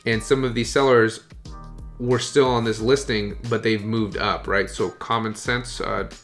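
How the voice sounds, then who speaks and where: A man's voice: on the low side, fairly even intonation, unhurried, a bit bright, soft background music. A man coaching online sellers in a casual screen-share tutorial, often checking in with "okay?" and "you guys".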